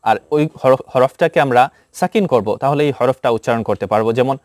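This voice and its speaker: A man teaching Quran reading, pronouncing each Arabic letter slowly and repeating it for listeners to say along. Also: mid-range voice. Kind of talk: slow spoken lesson on Arabic letter pronunciation.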